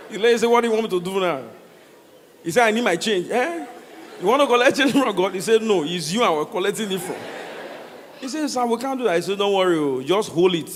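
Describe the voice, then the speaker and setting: A Nigerian man performing comedic stories to a live audience, animated, slipping into Pidgin and acting out dialogue. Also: sits high. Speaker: stand-up comedian. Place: large hall with a stage. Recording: echoey hall, noisy live sound.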